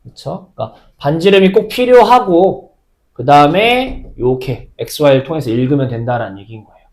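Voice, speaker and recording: A man teaching a high school math lesson, often asking the class questions and then answering them himself. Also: sing-song, brisk.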